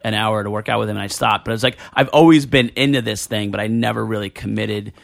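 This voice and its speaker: A man's voice: lowish voice, fairly even intonation, fast talker, creaky, no echo, clean studio sound. A man from New Jersey in casual chat, rambling and restarting his sentences. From New Jersey, United States.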